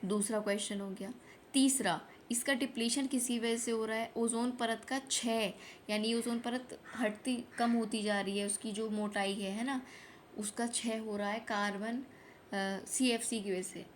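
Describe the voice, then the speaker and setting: A woman teacher running a quick exam revision lesson, asking each question and repeating the answer so it sticks. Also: fairly high pitch, fairly even intonation, a little hiss or hum. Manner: repeats each answer, mixes Hindi with English terms. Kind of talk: fast quiz-style revision lesson.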